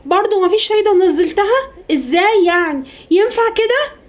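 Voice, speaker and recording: A woman's voice: very high-pitched, lively intonation, fairly quick, pitched above the performer's own voice. A woman with an Egyptian Arabic accent voicing a fussy, superstitious middle-aged mother in a comedy sketch, scolding and gossiping. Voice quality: scolding, then hushed gossipy phone chatter.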